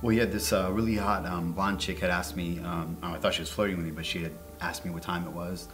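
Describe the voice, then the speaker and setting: Deep-voiced, nervous witness played by a man. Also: flat delivery, a little fast, over music, lightly acted. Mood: awkward, sheepish. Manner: hesitant, evasive, rambling. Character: nervous, awkward male witness being questioned by police. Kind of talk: naturalistic screen acting, interrogation scene.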